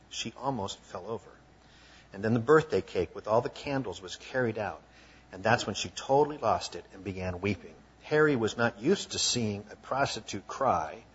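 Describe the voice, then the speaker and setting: A male preacher spinning a story during a sermon, earnest and vivid. His voice has a husky grain. The recording sounds muffled and lo-fi. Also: lowish voice. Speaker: pastor. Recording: dull lo-fi recording.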